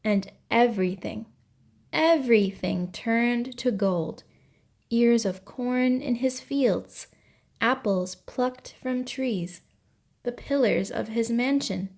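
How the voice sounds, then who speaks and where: A woman's voice: a little high, slow pace, vocal fry, a little mellow. A woman storyteller narrating an ancient myth from a script, with grave, dramatic delivery.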